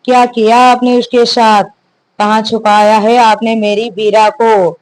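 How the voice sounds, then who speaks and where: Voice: medium pitch, little pitch movement, unhurried, natural voice, rough recording. A narrator voicing Samrat, a stern, furious young husband. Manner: stern, stresses each word. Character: furious young husband confronting his father.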